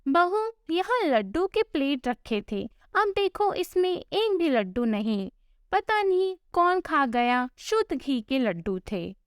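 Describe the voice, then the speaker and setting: A woman's voice: high voice, very animated, slow, no echo, clean studio sound, exaggerated voice. A woman doing a scolding older mother-in-law. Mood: annoyed. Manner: scolding, sarcastic.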